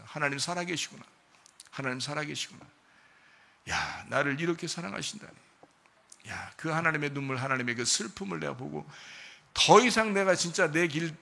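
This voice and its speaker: A man's voice: mid-range voice, gravelly, pushed and bright. A man preaching a sermon as pastor, who keeps asking his congregation questions. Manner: asks the congregation many questions.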